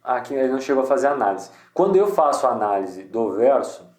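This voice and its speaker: A man's voice: medium pitch, very animated, quick pace, a little mellow, reverberant. A man giving a casual screen-share tutorial, thinking aloud with many restarts. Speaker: poetry channel host.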